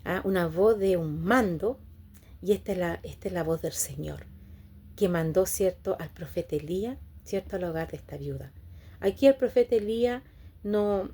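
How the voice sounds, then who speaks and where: A woman's voice: medium pitch, dark tone, husky. A woman preaching a sermon to her congregation. She asks them rhetorical questions and ends nearly every phrase with a questioning "right?".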